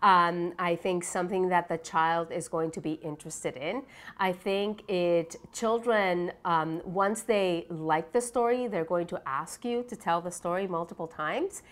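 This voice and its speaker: A lower-voiced, reflective woman from Lima, Peru, responds to interview questions as a developmental psychology researcher, giving explanations. She pauses and hesitates as she goes and often looks for agreement using tag questions.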